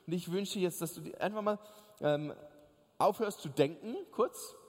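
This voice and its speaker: A male preacher with a high voice delivers a lively sermon, turning to his listeners with asides and jokes. His voice rings out with a long echo, as in a large hall or church. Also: moderate pace. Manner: animated storytelling, addresses listeners directly with jokes.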